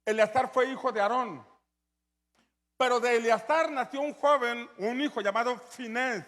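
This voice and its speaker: A man preaching a sermon as pastor, telling the story with animated energy and building to shouts. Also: very high voice, moderate pace, in a large hall.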